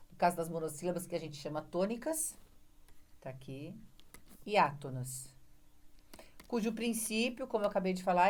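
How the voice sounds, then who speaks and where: Lowish-voiced Brazilian woman teaching grammar. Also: a little mellow. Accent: Brazilian Portuguese. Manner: explanatory, checks in with listeners. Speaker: Portuguese language teacher. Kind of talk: online lecture on grammar.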